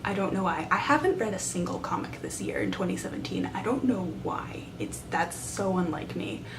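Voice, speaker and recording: Speaking at normal speed in an animated voice, a young woman book vlogger chats eagerly and casually to the camera she holds at arm's length. The setting is a small side room in a library, with noise and a low rumble in the recording.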